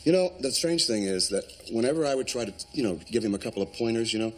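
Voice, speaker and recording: A touchy, self-pitying former quarterback turned coach, played by a man, grumbling in a lively, swooping voice. He talks quickly and sounds wounded. The sitcom track carries a clear hum of background noise. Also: mid-range voice, close to an everyday voice. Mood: aggrieved. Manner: whiny, self-pitying complaints. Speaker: retired football coach. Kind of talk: sitcom acting.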